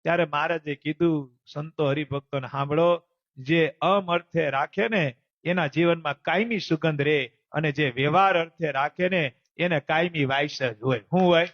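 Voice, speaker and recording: A man telling a devotional story as a sermon, acting out the characters as he goes. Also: no echo. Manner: animated, voices the characters in the story with quick pitch jumps. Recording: dull lo-fi recording.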